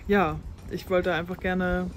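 This North Frisian woman, a farm life blogger in her 30s, talks in a relaxed interview outside on a farm lawn by a brick farmhouse, with loud music behind her voice. She speaks slowly in a lowish, level tone. Her chatty talk is full of fillers and false starts, and she laughs readily.

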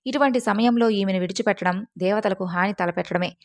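A woman narrates a devotional tale in a steady, earnest storytelling voice. Her pitch sits in an ordinary middle range, neither high nor low. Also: a little fast.

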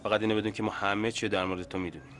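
An actor in a TV drama playing a cold, calm gangster who threatens the other man. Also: on the low side, faint music behind, natural voice. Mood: menacing. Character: calm menacing male gangster boss.

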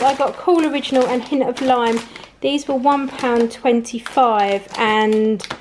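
A woman's voice: on the high side, noisy background. A woman vlogger chatting casually as she goes through her shopping at a kitchen table, listing items and prices with plenty of ums and likes. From England. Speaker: family vlogger. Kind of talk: casual grocery haul chat. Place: home kitchen table, indoors.

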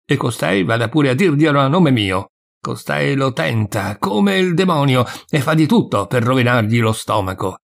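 A man voicing a hot-tempered male sacristan who shouts and scolds, with a gravelly, husky voice, in an audiobook reading. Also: mid-range voice, expressive, normal speed. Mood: furious shouting. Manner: furious, scolding outbursts. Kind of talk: audiobook reading of a short story.

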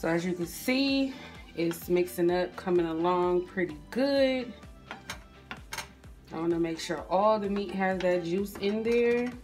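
A woman, chatting casually as she walks viewers through a recipe in her home kitchen, recorded on a phone camera. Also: lowish voice. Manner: chatty, addresses viewers as "you guys" and "y'all", frequent "um". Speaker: cooking vlogger. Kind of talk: casual cooking tutorial narration. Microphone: phone camera at the stove.

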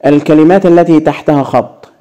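Egyptian man teaching with a mellow voice. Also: fairly high pitch, fairly even intonation, a little fast, muffled recording. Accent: Egyptian Arabic. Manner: asks questions and answers them himself. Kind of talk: Arabic grammar lesson.

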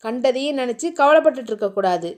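A woman voicing a gruff but caring young husband in a storybook reading, speaking in clipped, lowered commands. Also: lively intonation, fast talker, lightly acted. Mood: tender.

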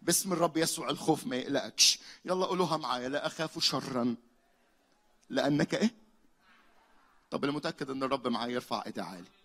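A young man with an Egyptian accent preaching a lively sermon, calling on the congregation to repeat lines after him, swinging between loud and hushed. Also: medium pitch, very fast. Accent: Egyptian Arabic. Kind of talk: lively call-and-response sermon. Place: church hall.

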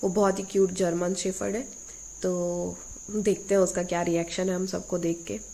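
Young woman, vlog voice-over narrator; mellow, warm, easygoing delivery. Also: fairly low pitch, normal speed, gravelly. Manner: relaxed storytelling, speaks to viewers as "guys". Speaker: vlogger.

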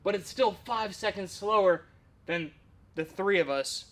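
A man's voice: sits high, unhurried, fairly bright tone. A man hosting in an indoor garage workshop, upbeat and presenting to the camera. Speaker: host. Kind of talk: casual show outro.

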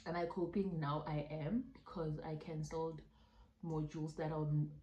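A woman's voice: sits low, level tone, normal speed, mellow, roomy sound, muffled recording. A South African woman in her twenties chatting casually through a Q&A while eating, laughing often and mixing local phrases into her talk. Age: 20s. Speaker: YouTuber. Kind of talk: casual mukbang Q&A chat. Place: indoor room at home.

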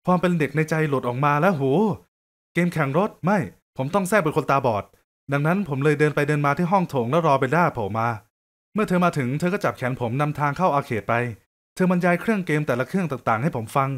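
Lively man narrating a story. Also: a little high, quick pace. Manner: lively, joking, conversational. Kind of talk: scripted first-person narration.

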